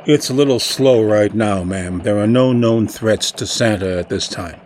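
A man playing a male elf security agent who answers in a flat, clipped, formal way. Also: fairly low pitch, normal speed, slight background noise, natural voice. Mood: deadpan.

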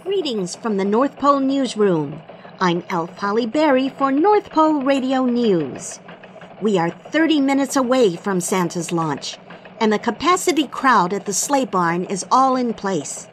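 A woman plays a cheerful Christmas elf anchoring a radio newscast in a fairly high voice. She is earnest and excitable, with a sentimental streak, over faint background noise. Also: unhurried, low-quality recording. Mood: bright, newsy. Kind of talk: mock radio news report.

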